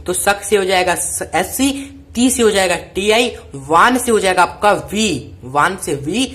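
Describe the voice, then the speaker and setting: Teacher, woman, repetitive drill-style explainer, mid-pitched. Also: animated, unhurried, a bit bright. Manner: repetitive, call-and-response drilling. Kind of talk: chemistry mnemonic lesson.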